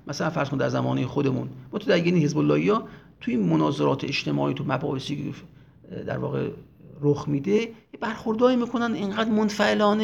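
An emphatic man delivers a religious lecture in a raised, gravelly voice with plenty of fry. He brings scenes to life by acting out quotes. The recording sounds dull and lo-fi. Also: sits high.

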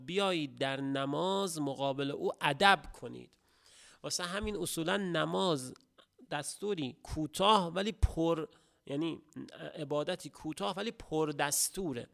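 A middle-aged man delivers a religious lecture in a gravelly voice that sits a little high for a man. He talks haltingly, pausing and restarting, and then lifts into strong, emphatic stresses. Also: fairly bright tone.

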